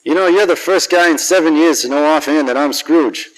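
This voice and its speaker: A man's voice: a little high, a little fast, close to an everyday voice, low-quality recording. Man playing Scrooge, a cynical hardboiled private eye. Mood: wry. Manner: wisecracking, slangy, world-weary. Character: cynical, grumpy, hard-drinking private detective. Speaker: actor narrating as lead detective. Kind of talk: hardboiled 1940s radio detective narration.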